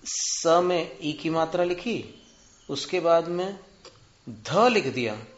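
A man teaching spelling and pronunciation, drawing out syllables slowly, counting them aloud and asking his students questions. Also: on the high side. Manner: asks students rhetorical questions. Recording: muffled echoey room.

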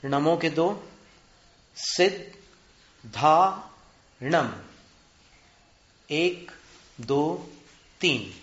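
A man teaching spelling and pronunciation, drawing out syllables slowly, counting them aloud and asking his students questions. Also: fairly high pitch, animated. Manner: asks students rhetorical questions. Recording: muffled echoey room.

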